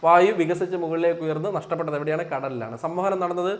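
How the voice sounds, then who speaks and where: A man's voice: on the high side, quick pace. A man teaching an exam-prep lesson with a Malayali accent, asking questions and answering them himself and repeating key points.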